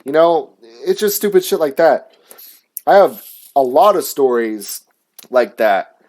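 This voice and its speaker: A man's voice: a little high, lively intonation, unhurried, a little mellow. A young man hosting his own show, telling a story in a casual, aggrieved rant full of swearing and filler words. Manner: profane, filler-heavy, aggrieved. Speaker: show host.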